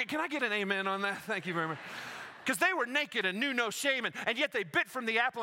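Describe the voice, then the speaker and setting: A man's voice: extremely high pitch, bright, forceful tone. A man preaching a sermon, telling a story with energy and acting out the voices of the people in it. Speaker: pastor.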